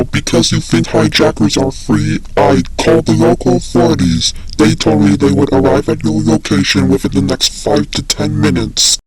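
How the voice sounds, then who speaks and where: A man's voice: on the high side, low-quality recording. A man playing a scolding, threatening evil cartoon mouse in a hobby horror scenario.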